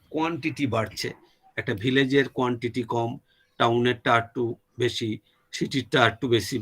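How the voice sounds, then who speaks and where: Speaking at a medium pitch, a man gives a classroom lecture in Bengali, dictating terms slowly word by word so they can be noted down. Technical phrases come out in English, and every so often he asks "clear?" to make sure everyone follows.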